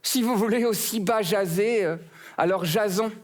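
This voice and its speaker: A man voicing a prim, witty female rose who answers his flirting with sharp retorts. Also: high voice, moderate pace, pitched above the performer's own voice, close to an everyday voice.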